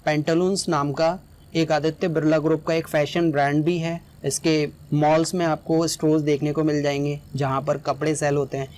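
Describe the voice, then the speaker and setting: Man explaining a lesson, fairly high voice. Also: little pitch movement, moderate pace, a little mellow. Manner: explanatory, often checks in with "right?". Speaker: teacher.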